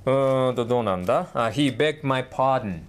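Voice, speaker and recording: A middle-aged man giving a casual recorded lecture as a teacher, often checking in with the student and slowly sounding words out again and again. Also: mid-range voice, background noise. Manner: sounds words out slowly, stretching and repeating them. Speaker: English teacher.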